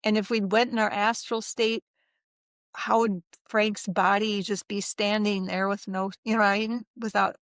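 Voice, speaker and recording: A middle-aged woman recounting a personal experience in a casual interview, animated and acting out what others said, with frequent laughs. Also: medium pitch, moderate pace, no echo, studio quality. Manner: animated, acts out quoted voices, laughs often. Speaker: interview guest.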